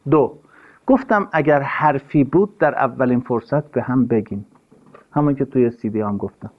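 Earnest man preaching, dull lo-fi sound. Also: mid-range voice. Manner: earnest, emphatic, repeats key phrases. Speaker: religious speaker. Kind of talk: sermon-style talk on marriage. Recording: dull lo-fi recording.

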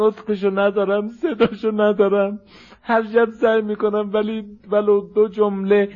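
A man's voice: high voice, narrow, tinny audio. A man performing a mournful religious recitation, half spoken and half chanted, his voice turning tearful and plaintive.

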